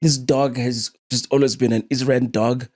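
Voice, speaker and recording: A South African man co-hosting a podcast in casual chat, an animated storyteller who laughs often and restarts his sentences. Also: medium pitch, moderate pace. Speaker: podcast co-host.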